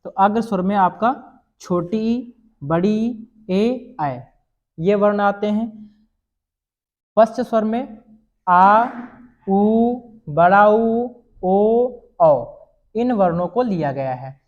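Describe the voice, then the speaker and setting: A man's voice: sits high, animated, takes it slowly, long pauses, darkish tone. A male teacher giving a Hindi grammar lesson. He asks questions, answers them himself and sounds out the vowels aloud. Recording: slightly dull lo-fi sound.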